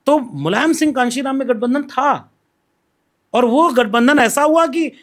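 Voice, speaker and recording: Guest voice: a man with a high-pitched voice, measured and explanatory, lays out his points in order. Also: animated. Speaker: podcast guest. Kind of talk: political discussion.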